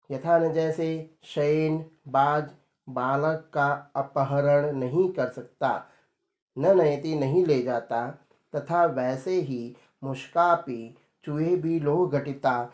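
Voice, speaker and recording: Male teacher, slightly high voice, slow deliberate line-by-line lesson, roomy echo. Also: darkish tone. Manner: slow, reads a line then explains it word by word. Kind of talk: line-by-line Sanskrit lesson explained in Hindi.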